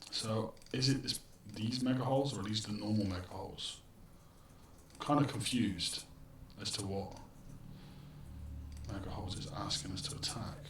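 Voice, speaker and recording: A lowish-voiced man speaks at normal speed with fairly even intonation while livestreaming a game, chatty and thinking aloud. Sitting far from his built-in webcam mic, he sounds as though he's in an echoing tunnel, with faint ambient noise around him.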